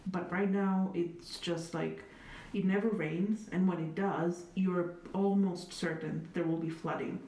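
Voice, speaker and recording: Speaking a little slowly with few pauses, a young woman from Italy answers interview questions thoughtfully, full of hedges, fillers and dry wit. Her lowish, mellow voice stays steady in tone, and the recording is echoey, with a distant mic and faint noise.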